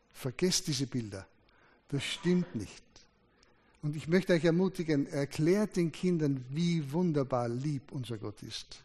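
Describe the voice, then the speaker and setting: A man's voice: on the high side, a little mellow. A man preaching a sermon, emphatic, his voice rising and dropping sharply to stress his points. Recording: long hall reverb.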